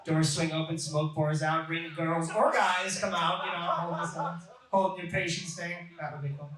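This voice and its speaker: A young man works a comedy club stage with deadpan, self-mocking stand-up, his voice bright and a little high. The room rings with strong echo, and he sounds a step back from the mic. A faint hiss of noise sits under the set. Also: normal speed, distant mic. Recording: echoey club, mic heard from afar.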